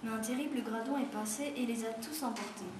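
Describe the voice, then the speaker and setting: A woman's voice: fairly high pitch, fairly quick, lightly acted. A woman voicing an upset village neighbor woman in a read-aloud storybook. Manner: exclaiming. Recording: echoey room, far from mic, noisy.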